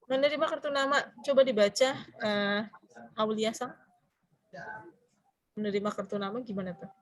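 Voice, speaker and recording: A woman's voice: mid-range voice, fairly even intonation, moderate pace. A woman with an Indonesian accent teaching a business Japanese class, explaining in Indonesian and quizzing her students.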